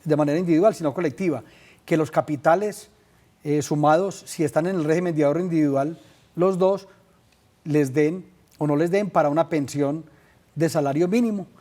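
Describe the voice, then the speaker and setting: A man with a Colombian accent, a legal expert on a TV call-in show, explaining pension rules in a measured way with many fillers. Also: fairly high pitch, mellow. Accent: Colombian Spanish. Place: TV studio.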